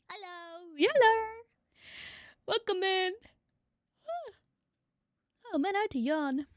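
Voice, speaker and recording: A young woman VTuber in a loose, playful livestream chat, tossing out casual swears. Her voice sits high and her pace is slow and easy. The sound is dry and close, with almost no room around it. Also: a bit bright, no room sound. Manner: playful, swearing, chatting with viewers. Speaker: VTuber streamer.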